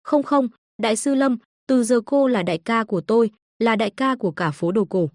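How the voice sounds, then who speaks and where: A woman's voice: on the high side, brisk, darkish tone, no room sound, clean studio sound, close to an everyday voice. A woman voicing a cowardly middle-aged male swindler who panics, pleads and sobs. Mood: pleading.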